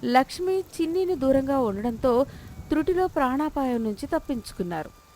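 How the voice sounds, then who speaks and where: A woman's voice: high voice, lively intonation, moderate pace, darkish tone, a little hiss or hum. A woman narrating a children's moral story in a scripted storybook style.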